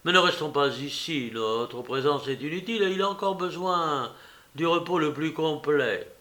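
A man reading aloud and voicing a calm doctor reassuring a worried young woman. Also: on the high side. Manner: measured, reassuring. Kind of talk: audiobook character voice.

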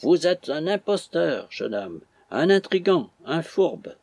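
A man reading an audiobook, voicing an indignant, blustering captain who accuses and bullies in a husky voice. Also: mid-range voice, expressive, measured pace, a little mellow, dry recording. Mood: outraged. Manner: accusing, bullying.

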